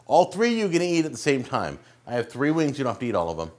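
A man's voice: medium pitch, very animated, very fast, darkish tone. Middle-aged man hosting casually in a kitchen. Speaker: host and cook of a hot wing challenge. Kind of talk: casual hosting to camera and guests. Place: indoor home kitchen.

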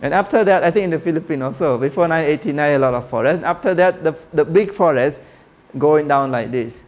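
A middle-aged man from Cambodia lectures a room into a handheld mic, his voice sitting fairly high for a man. He talks loosely, restarting phrases, correcting numbers mid-sentence and asking the audience questions. The recording is a little dull and lo-fi. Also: quick pace, darkish tone. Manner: informal, repeats and corrects himself, asks audience questions. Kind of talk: classroom lecture. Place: lecture room with projector screen.

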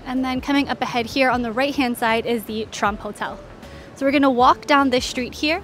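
Faint, soft music sits behind a woman narrating a walking tour for her travel vlog. She works as a travel guide and host, and her high, a bit bright voice moves briskly as she points things out in a casual, informative, orderly way.

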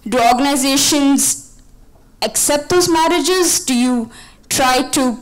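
A woman's voice: high voice, takes it slowly, poor audio. Young woman from India asking a question. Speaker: audience member asking a question. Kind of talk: audience question. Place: conference hall. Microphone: handheld microphone.

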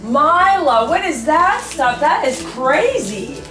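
A woman's voice: sits high, very animated, slow pace. A woman chatting casually with a child in playful questions and exclamations, talking with retainers in her mouth. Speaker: mother filming family vlog. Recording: echoey room, distant mic, music over it.

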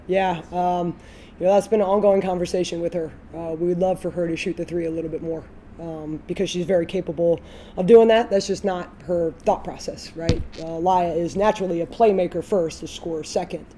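A woman in her thirties, a head coach giving a candid postgame interview, speaking in a measured way with frequent fillers. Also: fairly low pitch, fairly even intonation, warm tone, slight background noise. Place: studio backdrop, indoors.

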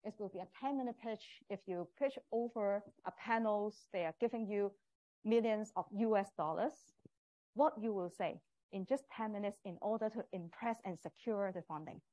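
A woman's voice: medium pitch, moderate pace, mellow, poor audio. Cantonese-accented woman lecturer presenting. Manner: non-native English with small grammar slips. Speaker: professor teaching a communication course. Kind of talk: live presentation to prospective students.

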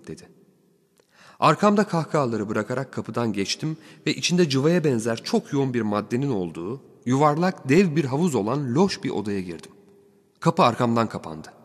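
Man narrating a story with lively pitch. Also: in a large hall. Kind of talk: audiobook narration, first person.

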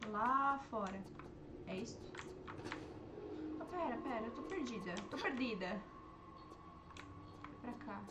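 A young woman, streaming herself playing a game and reacting with excitable, panicky outbursts. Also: a little high, slow pace, long pauses, noisy background. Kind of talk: live gameplay commentary.

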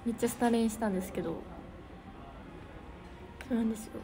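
Young idol livestreamer, woman, Niigata accent, bright higher voice, giggly chat over a noisy background. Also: fast. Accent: Niigata Japanese. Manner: chatty, giggly, thanks viewers by name. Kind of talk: casual livestream chat with fans.

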